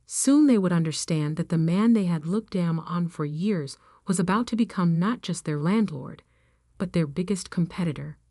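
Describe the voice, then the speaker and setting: A woman narrating a scripted first-person story in a steady, even storytelling delivery. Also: fairly low pitch, normal speed, no echo, clean studio sound.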